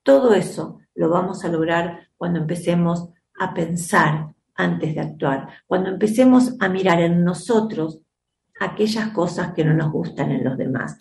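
An Argentine woman hosts a self-help advice show, speaking in a reflective, teacherly manner and often pausing to check in with her audience. Her voice sits somewhat low for a woman. The recording has a roomy, echoey sound. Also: vocal fry, a little mellow, a little hiss or hum. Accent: Argentine Spanish. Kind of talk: advice program talk to listeners.

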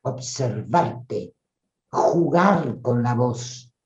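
A woman with a Rioplatense accent teaching a voice workshop, playful and animated, full of rhetorical questions. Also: very deep voice, very slow. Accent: Rioplatense Spanish. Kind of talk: lively teaching talk. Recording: roomy, dull lo-fi sound.

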